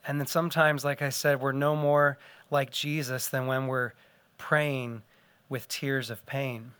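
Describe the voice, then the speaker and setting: A man preaching a sermon, earnest and unhurried, pausing to let points sink in and dropping softly on tender words. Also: mid-range voice, little pitch movement, clear, resonant tone, dry recording. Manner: earnest, unhurried teaching with pauses and soft drops. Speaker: pastor.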